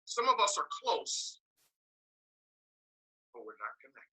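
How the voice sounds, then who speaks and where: A man preaches a morning message with a husky, breathy grain to his voice and a sharp, forceful push behind every line. He leans hard on repetition and slips in joking asides, and he was born in the US and raised partly in Nigeria. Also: on the high side, very animated, slow pace, low-quality recording. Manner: emphatic, repeats key words, joking asides. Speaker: speaker giving a morning message. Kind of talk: preaching to a congregation.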